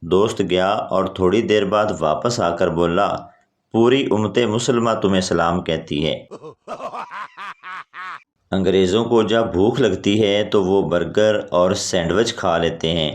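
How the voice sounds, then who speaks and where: Very deep-voiced man reading jokes. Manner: steady storytelling delivery, reads every character's lines himself. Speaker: joke narrator. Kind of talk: scripted joke reading.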